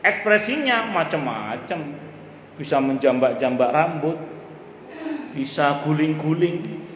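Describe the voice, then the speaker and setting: A male preacher, giving a lively religious talk in casual speech to a live audience, repeating his main points. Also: on the high side, slow pace. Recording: echoey hall with faint room noise.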